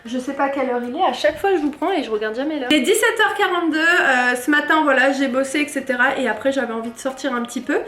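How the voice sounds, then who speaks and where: A woman chats informally to the camera for a vlog, explaining things with many hesitations. She talks fast with few pauses in a high, slightly bright voice. Faint background noise is audible.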